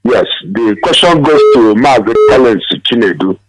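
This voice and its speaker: A man's voice: mid-range voice, animated, normal speed. A male caller speaking over a phone line on a live call-in broadcast, earnest and emphatic, repeating his key phrases.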